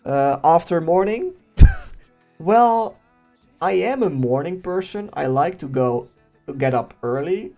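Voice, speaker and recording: Young Dutch-accented male YouTuber, chatty Q&A host, animated pitch, faint music underneath. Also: slow. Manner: chatty and animated, laughing often. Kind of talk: casual Q&A reading viewer questions.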